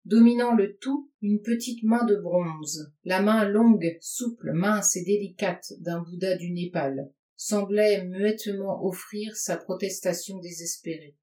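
Une femme lit à voix haute un récit littéraire à la première personne, d'un ton posé et expressif. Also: female voice, medium pitch, warm tone. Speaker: audiobook reader. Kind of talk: literary narration read aloud. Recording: roomy sound from a distance.

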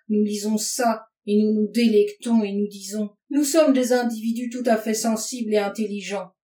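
Une femme lisant à voix haute prête sa voix à un jeune homme furieux et amer, dont la tirade méprisante est lancée en criant. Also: female voice, high voice, pitched above the performer's own voice. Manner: shouting, scornful tirade. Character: furious, bitter young man raging against mankind. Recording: roomy sound from a distance.

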